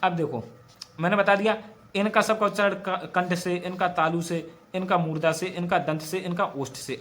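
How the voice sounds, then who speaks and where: High-voiced young teacher drilling mnemonics. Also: male voice, fairly bright tone. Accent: western Uttar Pradesh Hindi. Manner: repetitive, drilling mnemonics aloud. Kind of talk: exam-prep grammar lesson.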